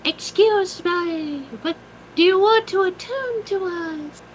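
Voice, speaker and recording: A man's voice: extremely high pitch, takes it slowly, a little hiss or hum, pitched above the performer's own voice, rough recording. A man voicing a tiny, eager pixie-like spirit with a small, polite voice in a tabletop game. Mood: polite, hopeful. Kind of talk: tabletop game role-play.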